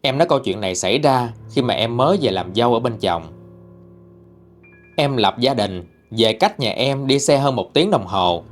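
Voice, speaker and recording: A man's voice: mid-range voice, lively intonation, normal speed. A man with a Southern Vietnamese accent who narrates listener-sent ghost stories in a chatty, colloquial way. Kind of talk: spoken ghost story narration. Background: faint music.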